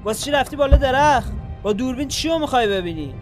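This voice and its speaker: A man's voice: extremely high pitch, lively intonation. An actor playing a young male frontline soldier who is grieving and hot-tempered, with a blunt and scolding manner, in a radio drama. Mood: angry. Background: music.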